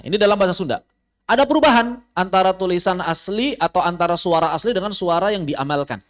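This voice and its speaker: A man teaching an online tajwid lesson, explaining with many examples, repeating key words and chanting Arabic verse slowly. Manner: lively, sudden jumps in pitch for emphasis. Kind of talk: online Quran recitation lesson.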